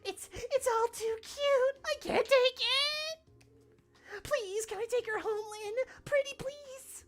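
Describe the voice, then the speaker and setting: A woman voicing a gushing, excitable young anime girl in a cutesy voice as she reads game dialogue. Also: very high voice, slow, faint music behind, pitched above the performer's own voice, full character voice. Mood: squealing, pleading. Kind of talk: video game dialogue read aloud by a streamer.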